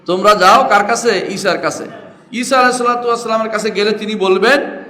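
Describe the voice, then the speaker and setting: A man's voice: high voice, fairly quick, pushed and bright. A man giving a religious lecture as an Islamic teacher, often asking his listeners questions and repeating key phrases. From Bangladesh. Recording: echoey hall with long reverb.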